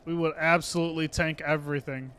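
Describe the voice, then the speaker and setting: A young man livestreaming a game chats casually as he plays. His voice sits a little on the high side. He jokes and reacts loosely to what happens on screen. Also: steady tone, fast, a bit bright, clean tone. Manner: joking, chatty reactions to the game. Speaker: livestream gamer.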